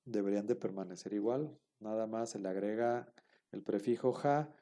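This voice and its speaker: Mellow-voiced male teacher, patient lecture delivery. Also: fairly low pitch, moderate pace. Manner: patient, explains step by step, checks understanding often. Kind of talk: online class lecture.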